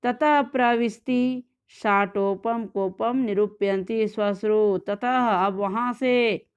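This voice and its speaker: A woman's voice: on the high side, steady tone, slow, clean tone. A woman teaching a Sanskrit textbook lesson, reading each line and then explaining it word by word.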